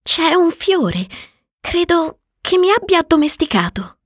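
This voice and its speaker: A woman's voice: very high-pitched, sing-song, a little slow, dry recording, studio quality, voice pushed up, exaggerated voice. Woman doing a curious little boy prince. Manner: eager, wondering questions. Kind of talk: storybook reading.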